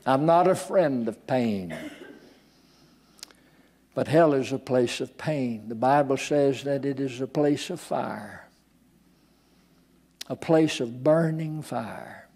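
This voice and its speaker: A man's voice: medium pitch, expressive, slow, long pauses, a little mellow. An older male pastor preaching a sermon in a church, dramatic and acting out the voices he quotes.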